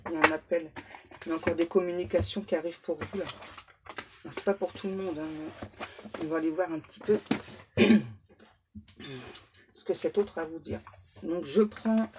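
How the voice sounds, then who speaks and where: A woman giving a spoken card reading as a medium, repeating herself with many fillers and clearing her throat often. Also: fairly low pitch, noisy background. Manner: repetitive, filler-heavy, insistent. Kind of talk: spoken tarot guidance to viewers.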